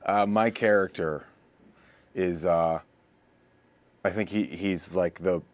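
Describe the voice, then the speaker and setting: An actor with an extremely deep voice and a level, unvaried delivery. He speaks haltingly in an interview, with restarts and fillers as he works out how to describe his role. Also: fairly even intonation. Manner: halting, searching for words. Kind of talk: interview talk about a character.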